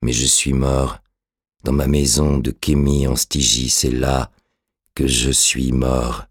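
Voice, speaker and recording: A man reads as a freshly revived undead sorcerer, his words crawling out in a halting, husky murmur. The voice sits extremely deep, and the recording is close and dry, with no room around it. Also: little pitch movement, no echo, full character voice. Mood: dazed murmur. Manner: slow faltering murmur. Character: undead male sorcerer, dazed and hollow, just revived. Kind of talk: audiobook reading.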